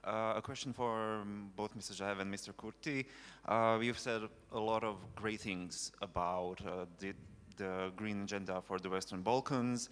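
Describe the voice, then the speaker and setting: A man's voice: fairly low pitch, steady tone, moderate pace, fairly bright tone, clear, resonant tone. Young man in an echoing hall. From Croatia. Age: young adult. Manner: friendly, hesitant, many fillers. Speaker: audience member asking a question. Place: conference hall. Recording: long echoey hall reverb.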